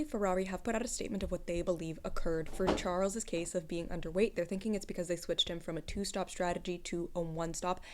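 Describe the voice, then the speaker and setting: Woman, lowish pitch, just-woke-up morning voice, informal explainer, articulate delivery. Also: slight background noise. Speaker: motorsport explainer vlogger. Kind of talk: informal explanatory commentary to camera.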